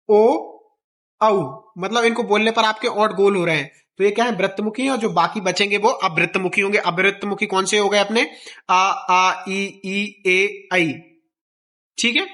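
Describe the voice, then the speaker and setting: A man's voice: sits high, bright, forceful tone. A male teacher explaining the alphabet for exam students, repeating vowel sounds aloud in a sing-song drill. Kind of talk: exam-prep lesson.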